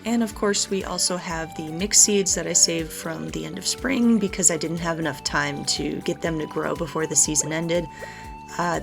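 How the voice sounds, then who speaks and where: Low and marked by vocal fry, a woman's voice carries casual let's play commentary for a gaming video she hosts. She's chatty and explains things as she goes, with game music running under her speech.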